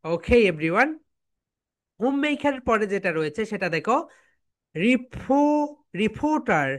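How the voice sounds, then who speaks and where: Teacher, woman; slow, repetitive drilling, mixing Bengali and English. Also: medium pitch, big pitch swings. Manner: drills phrases slowly, repeating, with students chanting along. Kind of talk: online classroom lesson.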